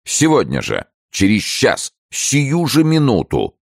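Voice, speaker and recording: A man reading as a proud, disgraced male minister in an audiobook, with solemn, measured speech. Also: a bass voice, sing-song, creaky, a little mellow, dry recording, studio quality, exaggerated voice. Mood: grave.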